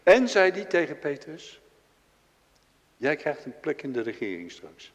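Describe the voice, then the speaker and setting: A man preaching a sermon, telling a story with acted-out dialogue and dropping from loud to hushed. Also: fairly high pitch, big pitch swings, measured pace, highs cut off. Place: church. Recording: long reverb of a large hall.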